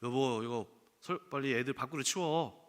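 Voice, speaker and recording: A man's voice: medium pitch, moderate pace, a bit bright, in a large hall, lightly acted. A man acting out an impatient husband who curtly badgers his wife. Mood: badgering. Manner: curt, badgering.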